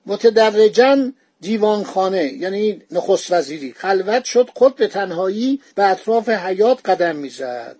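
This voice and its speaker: A man tells a history story, reading formal passages aloud from old texts. He then explains them in relaxed everyday speech. His voice sits rather high for a man. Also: few pauses. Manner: mixes formal reading with colloquial retelling. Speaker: history podcast narrator. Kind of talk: storytelling narration.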